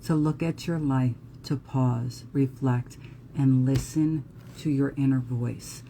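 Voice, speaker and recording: Jersey lady doing a live astrology talk, earnest and emphatic, mellow warm tone. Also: rumbling low, fairly even intonation, slow pace, slight background noise. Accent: New Jersey. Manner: earnest, emphatic, occasional profanity.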